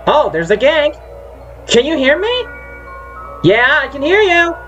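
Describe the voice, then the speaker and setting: A man giving casual reaction commentary on a gaming video, excitable and swearing, blurting out his reactions. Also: very high voice, unhurried, dull audio, faint music behind.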